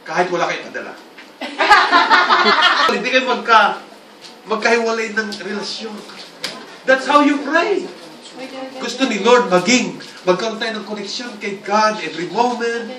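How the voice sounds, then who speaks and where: A male pastor giving a lively church sermon, often calling out for the congregation's response. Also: sits high, normal speed, a crowd in the background. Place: church hall. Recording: roomy hall, distant mic, congregation sounds.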